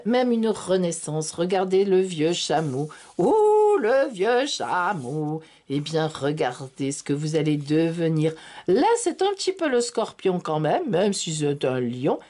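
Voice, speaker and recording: Theatrical French-speaking tarot woman, slow and lively. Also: low voice. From France. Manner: theatrical, exclamatory, addresses viewers as friends. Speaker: tarot reader. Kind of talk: tarot reading monologue to camera.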